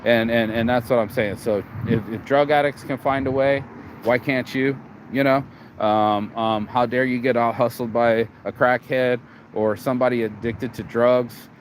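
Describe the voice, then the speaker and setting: With traffic and street noise in the background, a weary Las Vegas man vlogs outdoors in a city. He talks at normal speed in a steady, medium-pitched voice, low on energy, rambling casually with curse words, repeated words, and many restarts.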